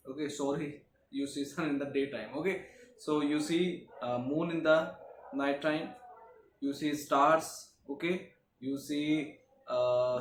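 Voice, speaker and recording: A man teaching a geography lesson to schoolchildren, often filling pauses with "okay" and "uh". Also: a little high. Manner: frequent "okay" and "uh" fillers, repetitive explaining. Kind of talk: classroom lecture. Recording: echoey room, faint background noise.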